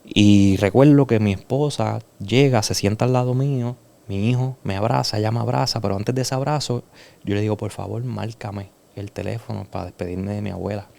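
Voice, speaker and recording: Puerto Rican man, low gravelly voice, earnest emotional testimony, guest on a talk podcast. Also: fairly even intonation. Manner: earnest, emotional storytelling, soft and slow in heavy moments. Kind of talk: personal testimony in a conversation.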